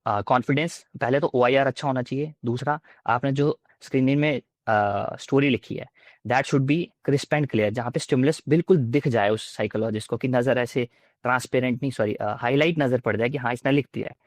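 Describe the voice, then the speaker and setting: A man's voice: medium pitch, a little fast, no echo. A young man in his twenties with an Indian accent, telling his story in a casual interview and acting out what officers said to him. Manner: mixes Hindi and English, acts out officers' lines. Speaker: interviewee, defence exam candidate.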